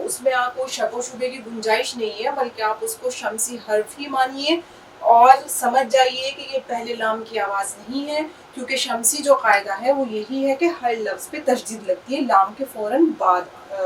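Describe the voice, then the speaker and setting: High-voiced woman teaching Urdu at a board. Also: recorded from a distance, slight background noise, rough recording. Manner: patient, repeats and spells out words. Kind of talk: explaining at a whiteboard.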